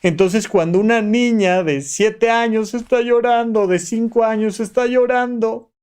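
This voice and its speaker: A man's voice: high voice, a little slow, a little mellow, clear, resonant tone. Didactic man hosting podcast. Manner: didactic, enumerates steps, coaxing tone with listener. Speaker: podcast host. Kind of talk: motivational podcast monologue.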